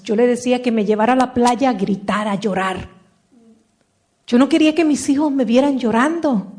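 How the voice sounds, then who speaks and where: Brief: middle-aged woman, fairly high voice, heartfelt testimony talk, re-enacts past dialogue. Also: darkish tone. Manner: emotional storyteller, re-enacts her own past words. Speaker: speaker giving a testimony with her husband.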